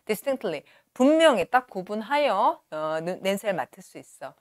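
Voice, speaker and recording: A woman in her forties teaching in a studio, reading passages slowly and clearly, then explaining in quick asides. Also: medium pitch, sing-song, darkish tone, dry recording. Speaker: English teacher. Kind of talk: lecture on a novel, reading lines aloud and explaining. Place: studio with a virtual backdrop. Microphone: lapel mic.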